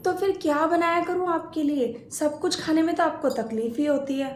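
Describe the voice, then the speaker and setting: A woman's voice: sits high, moderate pace, darkish tone, roomy sound, a little hiss or hum. A woman acting out a scripted family skit, playing both a mother-in-law and a daughter-in-law.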